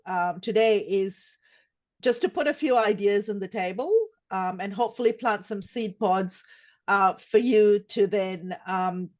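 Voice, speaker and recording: Older woman hosting a webinar, dull audio. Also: medium pitch. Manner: warm, careful, frequent um fillers. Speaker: webinar co-presenter. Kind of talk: webinar presentation. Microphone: video call.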